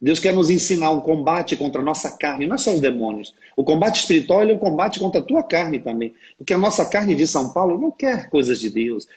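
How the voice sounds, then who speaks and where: Earnest Brazilian man with a high voice. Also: lively intonation, quick pace, few pauses, a little mellow, rough recording. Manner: earnest storytelling, often asks "né?". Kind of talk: preaching on a livestream. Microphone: livestream setup.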